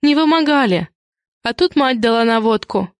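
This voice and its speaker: A woman reading an audiobook and voicing a frightened, defensive young woman who squeaks and protests through tears. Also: expressive, moderate pace, dry recording, clean studio sound, lightly acted. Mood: nervous.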